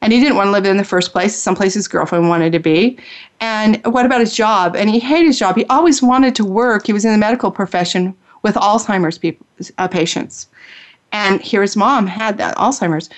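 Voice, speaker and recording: Earnest woman telling a personal story. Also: mid-range voice. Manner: earnest, heartfelt, speaking from the heart. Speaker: spiritual healing coach and radio host. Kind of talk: personal storytelling on a radio show.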